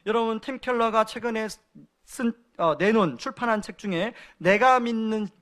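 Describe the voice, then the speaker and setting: A male pastor in his forties delivers a sermon in a high voice. He talks in a relaxed, conversational way, sharing stories from home. Now and then he stops to put questions directly to the congregation. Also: normal speed.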